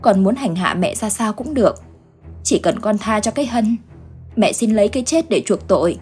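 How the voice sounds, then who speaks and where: A woman voicing a desperate old grandmother who pleads slowly for mercy in a told ghost story. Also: mid-range voice, lively intonation, a little mellow, faint music behind, pitched above the performer's own voice, natural voice. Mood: pleading. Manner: pleading, slow.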